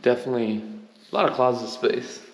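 Walking through a vacant, echoing house with big bare rooms, a mid-voiced man speaks fairly quickly and expressively as a real estate agent. He eagerly highlights details in a casual tour narration. The handheld camera picks up long reverb from the empty spaces.

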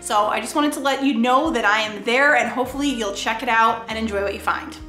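A woman's voice: a little high, a little fast. A woman in her thirties from New Hampshire, chatting casually to viewers as she cooks at home. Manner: chatty, upbeat, talks to viewers while cooking. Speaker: cooking channel host. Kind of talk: casual cooking vlog narration. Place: home kitchen. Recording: roomy kitchen with background music.

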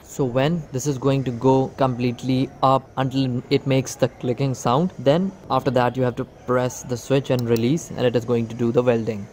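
A man's voice: mid-range voice, steady tone, moderate pace, hardly any pauses, darkish tone, slight background noise. A man giving a hands-on product demonstration outdoors, talking viewers through each step and calling them "guys". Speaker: electronics video host. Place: outdoor table beside plants.

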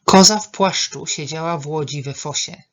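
A middle-aged woman teaching English pronunciation, patiently modelling words slowly and repeating them. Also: low-pitched, muffled recording. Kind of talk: online pronunciation lesson.

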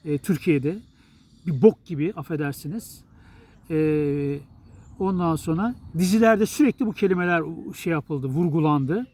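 An unhurried, mellow, slightly high voice comes from a middle-aged male journalist and writer from Turkey. Facing his viewers directly, he rambles in a blunt, exasperated way, full of restarts.

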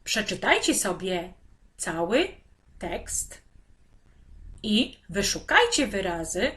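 A woman teacher walks young children through a reading lesson, pronouncing syllables slowly and with great care. Her pitch is mid-range and moves a lot, rising and falling to hold their attention. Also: very animated, fairly bright tone. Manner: slow, clearly articulated, speaking to children. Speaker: primary school teacher.

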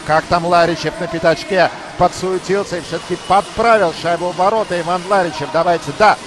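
A man doing live hockey commentary as a play-by-play announcer, emphatic and excited in his goal calls. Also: sits high, background noise.

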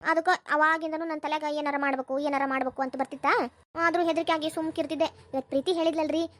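A woman's voice: high voice, fairly even intonation, fast talker, fairly bright tone. A woman voicing a timid cartoon daughter-in-law. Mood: hesitant. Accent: North Karnataka Kannada. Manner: hesitant, pleading.

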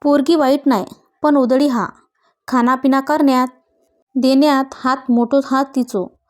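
A woman reading the lines of a sharp-tongued older neighbour who speaks with a Malvani accent and insinuates. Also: sits high, steady tone, measured pace. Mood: insinuating.

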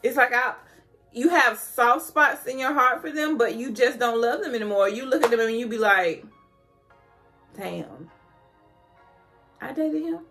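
Slightly tipsy, higher-voiced woman chatting candidly. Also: moderate pace, soft background music. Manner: expressive, colloquial, dramatic emphasis. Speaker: vlogger answering questions. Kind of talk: casual chatty Q&A to camera. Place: small decorated room at home, indoors.

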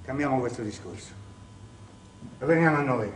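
A man's voice: mid-range voice, lively intonation, moderate pace, a little hiss or hum, natural voice. A man playing a bitter, wronged clerk on stage. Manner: theatrical, swings from hushed bitterness to shouting. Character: proud wronged middle-aged male clerk Ciampa, bitter and cunning. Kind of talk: stage acting. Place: theatre stage. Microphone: distant room mic. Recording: distant echoey stage recording.

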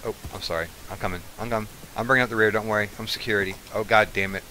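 A man's voice: fairly low pitch, fairly even intonation, rapid-fire, pushed and bright, rough recording. A man streaming a game in casual chat, laughing and joking his way through the mishaps.

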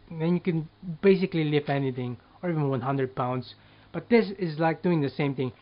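A man's voice: on the high side, dull audio. A man giving casual speaking tips to the camera and demonstrating speech drills aloud. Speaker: speaking coach.

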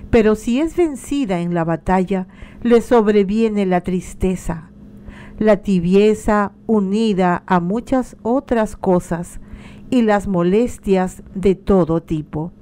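Woman, liturgical reader, mellow tone, slow and calm, solemn devotional reading. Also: mid-range voice.

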